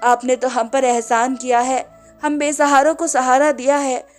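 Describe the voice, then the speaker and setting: A woman's voice: high voice, little pitch movement, measured pace, faint music behind. A woman narrator voicing a caring, protective young woman who speaks earnestly through tears.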